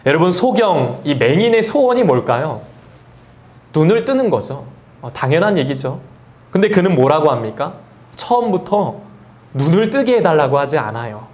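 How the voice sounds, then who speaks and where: A man preaching a sermon as pastor. He asks the congregation questions, reads scripture slowly and tells stories in a conversational way. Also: on the high side, sing-song, a little mellow. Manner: conversational storytelling asides.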